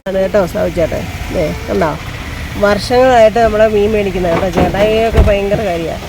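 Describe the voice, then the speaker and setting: A woman's voice: medium pitch, brisk, background noise. A woman hosting a casual family vlog, chatting to the camera and coaxing a small child in baby talk while out shopping. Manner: chatty, folksy commentary to the camera. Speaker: vlogger host.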